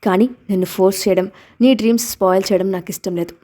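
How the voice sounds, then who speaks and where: Woman reading as a proud, possessive husband in an audio story; intense, domineering delivery in a mellow, darker tone. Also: mid-range voice, steady tone, quick pace, natural voice. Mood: assertive. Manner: intense, pleading then domineering.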